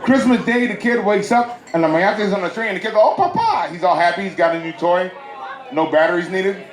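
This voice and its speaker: A man's voice: high voice, a little fast. A man from Southern California performing a stand-up comedy set at a private party, telling loose stories with playful asides to the audience. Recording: echoey bootleg with loud crowd and noise.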